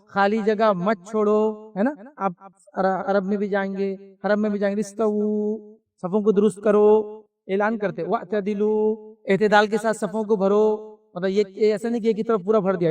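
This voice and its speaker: A man's voice: high voice, a little mellow, recorded from a distance. A man giving a conversational religious lecture, asking rhetorical questions and answering them himself. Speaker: Islamic lecturer.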